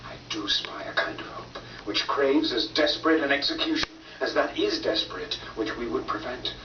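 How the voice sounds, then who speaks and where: An actor playing a grave older friar, speaking Shakespearean verse in a hushed, low way. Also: male voice, moderate pace, roomy sound, lightly acted. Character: grave older male friar offering hope. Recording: distant, hissy, muffled video playback.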